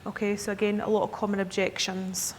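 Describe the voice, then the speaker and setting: A Scottish key account manager in her thirties presents to advisers at a conference hall, chatty and relaxed, regularly asking the room "okay?". Her middle-pitched voice moves fairly quickly and carries a long reverb over a faint low rumble.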